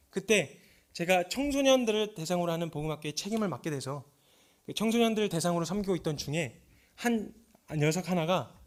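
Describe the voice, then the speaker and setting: A man preaches in a church, his voice pitched high for a man. He tells his story with feeling, sinking to soft, hushed confession and then climbing into fervent, pleading appeals. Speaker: missionary preacher. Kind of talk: sermon with personal testimony. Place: church sanctuary.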